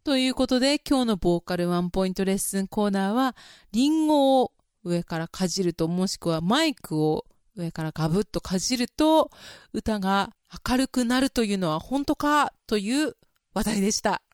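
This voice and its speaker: A woman's voice: mid-range voice, lively intonation, normal speed, clear, resonant tone, no echo, clean studio sound. A woman hosting a casual spoken vocal lesson, explaining chattily and breaking into sung vowel demonstrations. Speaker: vocal coach and podcast host.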